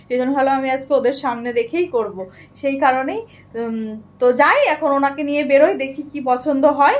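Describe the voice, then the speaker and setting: A woman vlogger in her thirties chatting casually to her viewers, moving between a soft polite voice and a louder, lively one. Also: high voice. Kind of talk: casual chat to camera.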